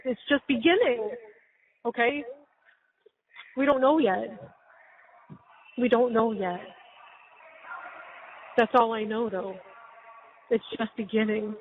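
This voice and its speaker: A middle-aged woman on a phone call, gently reassuring her daughter. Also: a little high, slow, long pauses, slight background noise. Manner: soothing, reassuring. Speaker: parent on a jail call. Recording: tinny jail phone line.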